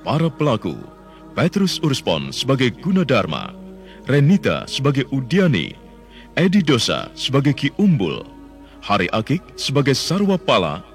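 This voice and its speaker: A man's voice: mid-range voice, wildly swooping pitch, moderate pace. A man narrating and announcing a radio drama in a dramatic, scripted storytelling style. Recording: music bed under the voice. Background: music.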